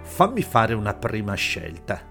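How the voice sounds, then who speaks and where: A bossy grown shell collector, voiced by a male narrator in a fairly low register. He speaks in short, curt orders in an audiobook story. Soft music sits faintly behind him. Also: huge pitch swings, a little slow, gravelly, heavily acted. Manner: curt, commanding. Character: gruff adult shell collector, commanding. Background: faint background music.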